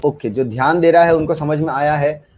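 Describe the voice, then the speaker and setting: A man teaches a live online shorthand class, his voice sitting somewhat high. He talks in a loose, chatty way, repeating himself and asking students whether they follow. The sound is dull and lo-fi. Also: fairly quick, darkish tone.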